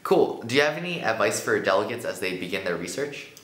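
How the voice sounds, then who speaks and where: A man's voice: lowish voice, big pitch swings, fast talker, a bit bright. A man asking short, direct interview questions. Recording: echoey room.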